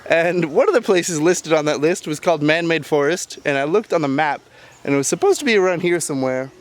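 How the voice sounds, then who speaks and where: A young travel vlogger with a slightly high, animated voice talks a little fast as he tours a tropical island outdoors, addressing his viewers directly in a casual vlog to camera. The outdoor camera audio picks up background music and a crowd.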